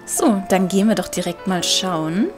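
A woman's voice: fairly low pitch, moderate pace. A woman giving casual game commentary as a let's player, chatty and thinking aloud. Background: game music.

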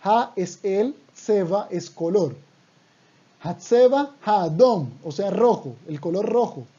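Male teacher, slow patient delivery, dark husky voice, dull lo-fi sound. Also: sits high, expressive. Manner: patient, repeats words slowly for drill. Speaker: language teacher. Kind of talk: online language lesson. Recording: dull lo-fi audio.

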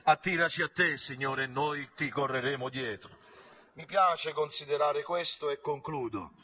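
A man preaching a fervent sermon as pastor at a church service, rising and falling sharply in loudness and pitch and putting rhetorical questions to the congregation. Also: moderate pace. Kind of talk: Pentecostal sermon.

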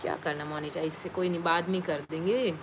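A woman's voice: lowish voice, fairly even intonation, fairly quick, a little hiss or hum. A woman chatting casually on a live stream, greeting viewers and reading their names aloud from the comments.

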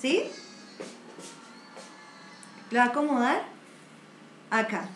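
This painting teacher, a woman with a Colombian accent, leads a live online watercolor session in a chatty, encouraging way packed with diminutives. Her slightly high voice is fairly bright, with lively intonation, and she takes it slowly. A computer mic on the video stream catches the echoey room and faint music behind her.

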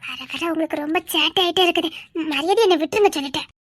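A woman's voice: very high-pitched, very fast. A woman with a Tirunelveli Tamil accent playing a shy young office clerk who stammers and protests playfully. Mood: coy protesting. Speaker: office employee. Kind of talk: village web-series acting.

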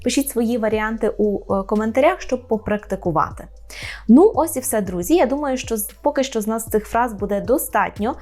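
A woman's voice: on the high side, expressive, a little mellow. Woman teaching a language lesson. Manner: explains slowly, repeats phrases with a frequent "так?".

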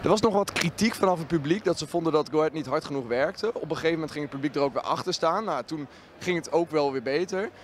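High-voiced male club interviewer. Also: fast, hardly any pauses. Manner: casual, restarts questions. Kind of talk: post-match interview questions. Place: outdoors at a football stadium. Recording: faint outdoor noise.

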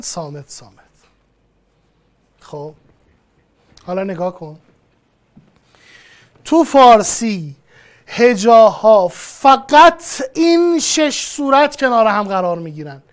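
A teacher giving a lesson, explaining patiently step by step and speaking straight to the student. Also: medium pitch. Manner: explanatory, repeats and addresses the student directly. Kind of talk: classroom lesson.

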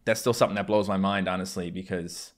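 A Newfoundland man in his twenties, a gaming YouTuber, chats casually to camera from a small indoor home room lined with acoustic foam. His low voice moves quickly with fairly even intonation, and his delivery is hesitant and self-deprecating in a strong Newfoundland accent.

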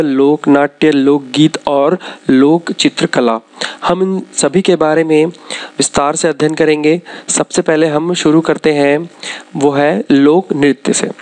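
A man pitched a little above the usual male range leads a slide-based exam lesson. He reels off lists quickly, then slows to explain each point to his students. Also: a little mellow, clear, resonant tone. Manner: brisk, lists items one after another with frequent pauses to explain. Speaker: exam-prep teacher.

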